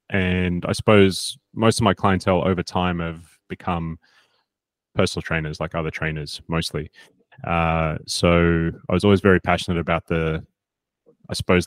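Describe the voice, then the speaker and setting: Man, thirties, deep, relaxed guest. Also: no echo. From South Africa. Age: 30s. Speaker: fitness coach guest. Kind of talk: casual interview.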